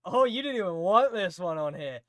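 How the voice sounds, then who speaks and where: Streamer guy, fairly high voice, jokey and giggly, dry close-mic sound. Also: animated, brisk, a bit bright, no echo. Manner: joking, laughs often, rambling restarts. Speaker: streamer reacting to songs. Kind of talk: casual reaction commentary.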